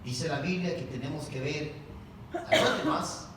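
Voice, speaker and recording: High, animated preaching man in echoey church. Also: unhurried, very noisy. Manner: preaching with rhetorical questions; addresses congregation as "hermano". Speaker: pastor. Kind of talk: sermon. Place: large church hall. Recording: echoey hall, mic at a distance.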